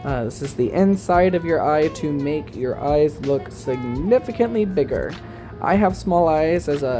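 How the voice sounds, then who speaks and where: A man talking as a sassy, campy, chatty drag queen in a casual makeup tutorial voice-over. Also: mid-range voice.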